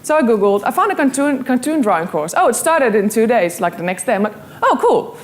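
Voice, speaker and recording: A fairly quick, slightly high female voice with big swings in pitch carries this motivational talk. The speaker, a young woman from the Netherlands with a Dutch accent, earnestly builds it around a story, quoting her own thoughts along the way.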